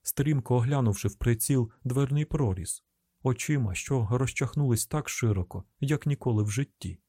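A man with a Ukrainian accent narrating an audiobook in a tense, measured storytelling manner. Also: medium pitch, dark tone, no echo, studio quality. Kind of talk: scripted narration.

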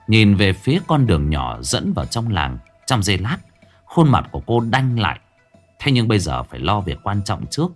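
Man narrating a ghost story, low and lively. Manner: dramatic, vividly expressive storytelling.

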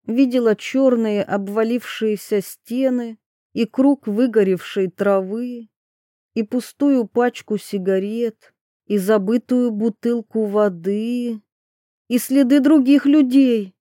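Brief: woman audiobook narrator, unhurried and measured, dry close sound. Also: on the high side, fairly even intonation, mellow, no room sound. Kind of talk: scripted literary narration.

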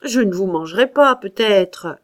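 A woman reading an audiobook, voicing a hot-tempered, impatient young male painter with loud, exasperated outbursts. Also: mid-range voice, lively intonation, a little slow, close to an everyday voice. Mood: angry. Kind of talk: audiobook character voice.

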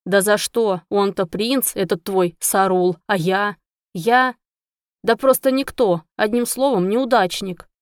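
A woman's voice: mid-range voice, slow, clean tone, no room sound, studio quality, close to an everyday voice. A woman voicing a jealous, brooding young male hunter who speaks curtly and bitterly in an audiobook. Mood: self-pitying. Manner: curt, bitter, accusing.

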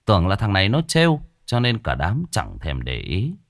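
A man narrating a village ghost story in a slow, dramatic, folksy way. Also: low voice, huge pitch swings, creaky, dry recording, studio quality. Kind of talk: spoken horror story narration.

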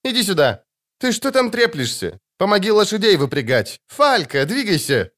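A man voicing a brash young female bandit who calls out orders loudly. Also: high voice, animated, moderate pace, voice pushed up. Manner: loud, bossy.

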